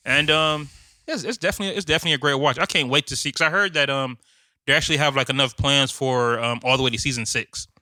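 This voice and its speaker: A man hosting a casual podcast, joking around and giving quick opinions. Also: mid-range voice, pushed and bright, no echo. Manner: joking, fast, self-promoting. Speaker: podcast host.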